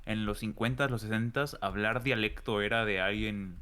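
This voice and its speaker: A man with a Mexican accent, co-hosting a casual podcast and telling relaxed stories with colloquial asides. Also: on the low side, moderate pace, clear, resonant tone. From central Mexico. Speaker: podcast co-host. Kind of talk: casual chat.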